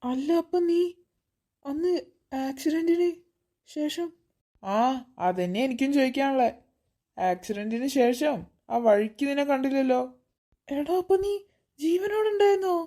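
A woman's voice: sits high, big pitch swings, a little slow, long pauses, warm tone. Give me a woman doing a tearful, stunned cartoon teenage boy. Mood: astonished. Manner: tearful, disbelieving, pleading. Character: emotional teenage boy, the best friend, tearful. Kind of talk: cartoon voice acting.

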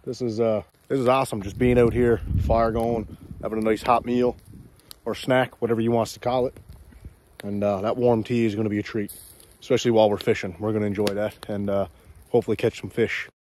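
Fairly quick and level in tone, a young Newfoundland-accented vlogger chats excitedly with viewers as he fishes at a snow-covered river. His lowish, slightly mellow voice comes through a nearby phone or action camera, with slight background noise.

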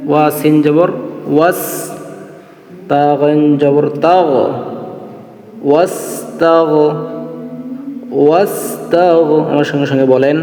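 A man with a Bangladeshi Bengali accent teaching Tajweed, spelling out letters and vowels and then reciting the words slowly in a melodic chant. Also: fairly high pitch, steady tone, mellow. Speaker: Quran reading teacher. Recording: echoey, reverberant room.

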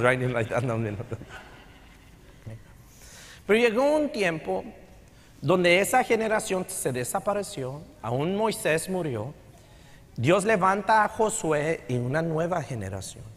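Preaching in a relaxed, conversational way, this middle-aged man from Texas moves between Spanish and English, his Spanish colored by a Texan accent. He has a slightly high, bright, sing-song voice and takes his time. The sound comes from a big sanctuary stage and trails off in long hall reverb.

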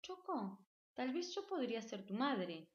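A woman voicing a kind, motherly she-bear who speaks softly and caringly. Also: a little high, sing-song, unhurried, echoey room, muffled recording. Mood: tender.

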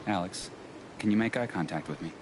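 An actor playing a calm, encouraging young outdoorsman in a video game, instructing reassuringly in short phrases. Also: sits low, fairly quick, close to an everyday voice. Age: young adult. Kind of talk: video game dramatic acting. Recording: clear ambient noise behind voice.

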